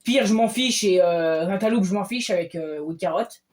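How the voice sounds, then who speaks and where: A man giving casual gameplay commentary as a streamer, excitable and often bursting into loud cheers. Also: high-pitched, normal speed. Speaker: game streamer.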